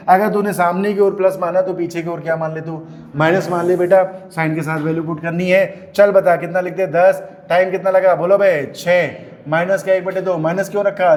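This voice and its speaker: Brisk high-pitched male physics teacher. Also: darkish tone, big-room sound. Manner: calls out questions and makes the class answer in chorus; brisk, teasing, scolds students playfully. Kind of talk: classroom lecture. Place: classroom at a coaching institute.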